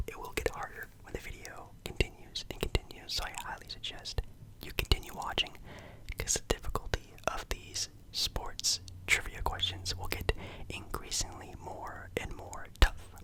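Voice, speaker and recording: A man's voice: normal speed, rough recording. A man hosting in a whispered ASMR style, very close, as if right in the listener's ear. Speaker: ASMR video host.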